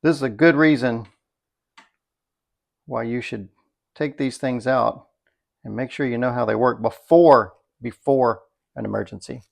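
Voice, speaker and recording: A product reviewer with a gravelly, fry-heavy medium-pitched voice works through a demo at a measured pace, leaving long pauses. Unscripted and thinking out loud, he keeps a folksy, dryly wry tone.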